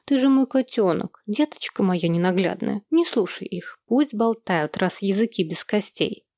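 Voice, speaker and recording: A woman's voice: medium pitch, expressive, normal speed, a little mellow, no room sound, clean studio sound, natural voice. Woman doing a harried, scolding mother. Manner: scolding, grumbling. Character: harried mother, sharp-tongued and weary.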